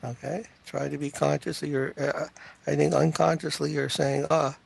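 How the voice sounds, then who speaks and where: A man teaching a class, patiently correcting a student's Sanskrit pronunciation and spelling out the sounds slowly. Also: fairly high pitch, flat delivery, gravelly, slightly rough.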